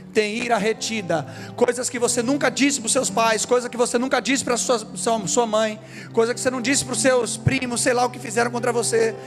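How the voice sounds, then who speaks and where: A man with a Brazilian Portuguese accent preaching a sermon, telling a story with passion and building to emphatic repetition. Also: very high voice. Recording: preaching over guitar music. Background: soft guitar music.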